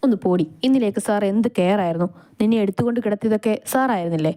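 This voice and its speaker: A woman's voice: medium pitch, rapid-fire, mellow, close to an everyday voice. Woman doing a chatty young coworker.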